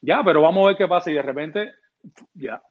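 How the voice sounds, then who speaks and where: A fairly high-voiced man talks casually as a music producer in an interview. He rambles, repeating words and restarting often. The recording sounds dull and lo-fi. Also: brisk, a little hiss or hum.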